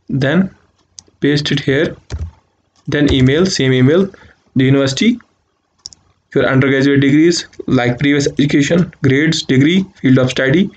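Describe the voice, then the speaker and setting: A man's voice: mid-range voice, darkish tone, muffled recording. A man hosting a channel, talking viewers through a screen-recorded walkthrough step by step, repeating short click-by-click instructions. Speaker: channel host. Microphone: voice-over over screen capture.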